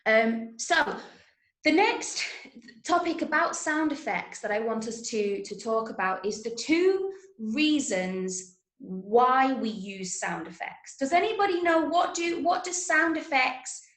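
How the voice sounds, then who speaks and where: A woman from Manchester, England, with an English accent teaches an interactive drama workshop online over a video call indoors. Her voice sits high and is fairly bright, slow and sing-song, and she encourages students, praising their answers. The sound is roomy and echoey.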